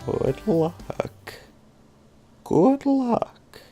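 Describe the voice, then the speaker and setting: A man putting on a booming metallic robot voice, loud and mechanical. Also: very animated, very slow, faint music behind, heavily acted.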